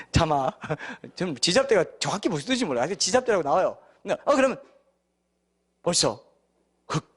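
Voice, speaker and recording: A man's voice: high voice, very animated, moderate pace, pauses often, fairly bright tone, slightly rough. A middle-aged man preaching a sermon as pastor, asking the congregation questions and acting out quoted voices.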